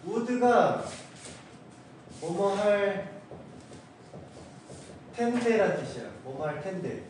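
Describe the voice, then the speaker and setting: A man teaching an English grammar lesson in a casual, lively way, checking often that his students follow. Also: high-pitched, very slow, a little hiss or hum. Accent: Korean. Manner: animated, asks students constant check questions. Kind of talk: casual classroom lecture. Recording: echoey room, far from the mic.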